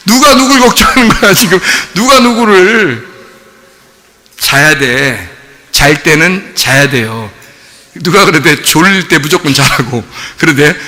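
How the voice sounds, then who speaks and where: A middle-aged man preaches from the pulpit in a high, ringing voice that leaps up and down with expression. He tells stories with humor and breaks into laughter often. His words trail off into a long, echoing church-hall reverb. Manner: animated, humorous storytelling with frequent laughs. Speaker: pastor. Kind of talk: sermon. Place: church sanctuary.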